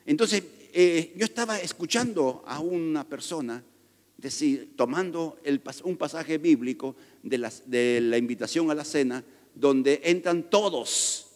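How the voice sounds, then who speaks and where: A man's voice: a little high, unhurried. A man preaching a sermon as pastor, emphatic and conversational, with joking asides to his congregation. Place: church sanctuary. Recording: reverberant church hall.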